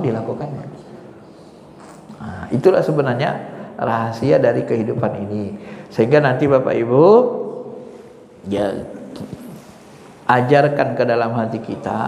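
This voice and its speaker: A male preacher giving an emphatic sermon, sometimes jumping to high exclamations and laughing. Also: gravelly, darkish tone. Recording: roomy hall echo, faint background noise.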